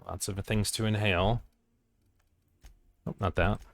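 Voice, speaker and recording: Very low-voiced man muttering through a game. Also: steady tone, measured pace, gravelly, no echo. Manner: muttering to himself in short fragments; reads on-screen text aloud. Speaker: gamer playing and commenting on a video game. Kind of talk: casual gameplay commentary.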